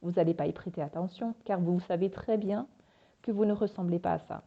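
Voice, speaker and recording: Calm, encouraging woman podcast host. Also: lowish voice, brisk, gravelly, lo-fi sound. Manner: calm, encouraging, addresses listeners directly. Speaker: podcast host and French teacher. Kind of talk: scripted advice monologue.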